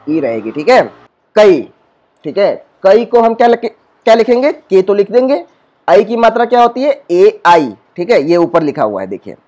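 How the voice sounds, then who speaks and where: A male school teacher with an eastern Uttar Pradesh Hindi accent, giving a patient whiteboard lesson that repeats points, asks rhetorical questions and stretches sounds slowly. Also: high voice, darkish tone.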